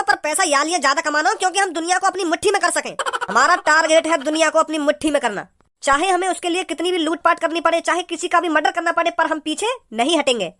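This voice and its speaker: A woman's voice: high-pitched, sharp tone, no echo. A woman voicing a greedy, scheming male thief boss in a cartoon, who rants bossily. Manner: bossy, ranting, fast. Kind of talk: cartoon comedy voice acting.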